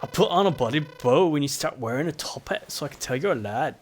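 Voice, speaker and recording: A man's voice: a little high, animated, fast talker. A man putting on a feisty young British soldier girl. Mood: defiant. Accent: attempted Scottish, put on badly.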